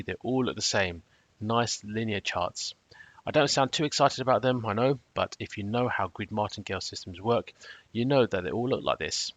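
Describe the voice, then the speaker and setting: A man with a fairly low voice reads a scripted review close to the mic. His delivery is measured and matter-of-fact, with a cautionary edge. The sound is dry, with no room around it. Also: a bit bright, no room sound. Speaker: trading robot reviewer.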